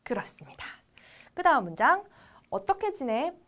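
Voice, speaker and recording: Lively high-voiced woman teaching English. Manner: reads English phrases very slowly for repeating; explains in Korean, then models English lines. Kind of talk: recorded English lesson for Korean learners.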